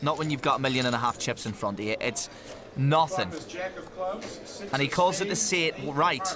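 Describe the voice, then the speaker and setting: A man giving live poker commentary, lively, jokey and emphatic. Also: mid-range voice, moderate pace. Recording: crowd noise in the venue. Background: crowd noise.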